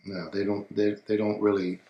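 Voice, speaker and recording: A man's voice: lowish voice, moderate pace, dull audio, a little hiss or hum. Laid-back man in an echoey room. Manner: relaxed, trails off quietly, many fillers. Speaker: co-host of an advice show. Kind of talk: casual advice chat and reading a viewer email.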